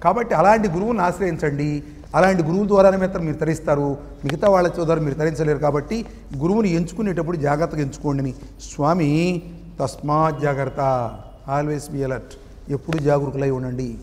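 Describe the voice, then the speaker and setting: A man giving a spiritual sermon who chants verses slowly and then explains them, often asking a question and answering it himself. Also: on the high side, darkish tone, big-room sound, slight background noise. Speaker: spiritual teacher.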